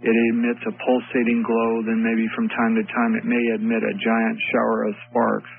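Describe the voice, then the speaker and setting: A man calling in over the phone to a radio talk show, polite and formal, addressing the hosts as gentlemen. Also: medium pitch, completely flat delivery, moderate pace, vocal fry, a little hiss or hum. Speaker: caller. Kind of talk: call-in to a late-night radio talk show. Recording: tinny phone line on the radio.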